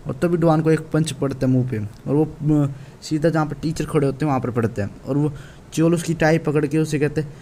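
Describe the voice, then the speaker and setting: A man with a fairly high, warm voice talks a little fast in a steady tone, with slight background noise. As a manhwa recap narrator, he casually retells a chapter, often restarting and using fillers.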